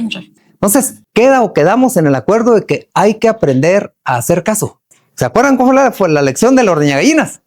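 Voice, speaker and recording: A middle-aged man from Chihuahua gives a motivational talk to workers in a folksy, earthy way, full of slang and questions to the audience. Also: high-pitched. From Chihuahua, Mexico. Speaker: motivational speaker.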